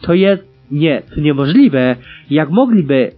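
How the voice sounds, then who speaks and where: An alarmed young female pegasus pilot urges her squad to look at their radars, read by a man narrating a storybook. The voice is husky and lively in pitch. The recording sounds dull and lo-fi. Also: slow pace, faint music behind, exaggerated voice. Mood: urgent. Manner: urgent, insistent.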